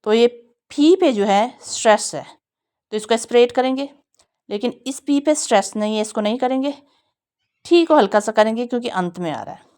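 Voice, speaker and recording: A woman teaching English pronunciation, who says each word slowly many times over and explains the stress patiently. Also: a little high, darkish tone, smooth. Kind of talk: pronunciation lesson with slow repeated drills.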